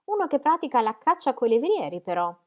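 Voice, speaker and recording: A proud young gentleman, read by a woman, speaking with plain disdain in a near-natural tone. He sounds clipped and scornful, storybook style. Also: lowish voice, expressive, fairly quick, highs cut off. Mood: disdainful.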